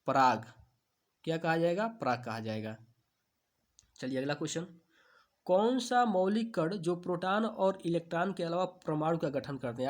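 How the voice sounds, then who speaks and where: A man with a somewhat high voice runs through exam questions like a coaching teacher. He asks each answer back as a question, then repeats it, drawing key terms out slowly. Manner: slow, drawn-out stresses on key terms. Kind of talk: quiz-answer lesson.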